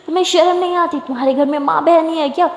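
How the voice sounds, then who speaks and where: A woman voicing a gentle, caring young man who protests earnestly and flares up when pushed, in an echoey room. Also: high voice, fairly even intonation, close to an everyday voice. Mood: angry. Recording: echoey room with long reverb.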